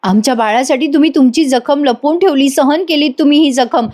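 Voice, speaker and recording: A woman's voice: sits high, brisk, warm tone, lightly acted. A woman reading the lines of a young man heartfelt in thanking his brother and sister-in-law. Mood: grateful.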